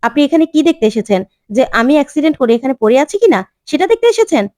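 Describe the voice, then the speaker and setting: A woman's voice: sits high, very animated, racing, a little mellow, no echo, clean studio sound. Aria: a woman doing a defiant young woman. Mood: indignant. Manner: indignant, argumentative. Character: defiant young woman, quick-tempered student.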